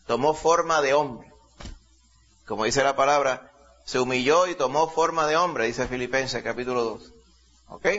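A man's voice: on the high side, a bit bright, lo-fi sound. A man from Latin America preaching a sermon in a conversational teaching style, full of rhetorical questions and "ok?" check-ins.

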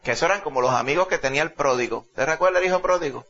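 Bright-voiced preacher. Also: male voice, a little high, very fast. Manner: emphatic, addresses listeners as brother. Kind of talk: sermon. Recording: dull lo-fi recording.

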